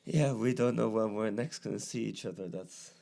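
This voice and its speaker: A man's voice: on the low side, normal speed, creaky. A tired young man co-hosting a podcast, chatting casually and musing aloud with lots of fillers. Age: young adult. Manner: relaxed, musing, many fillers and restarts. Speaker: podcast co-host. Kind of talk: casual chat.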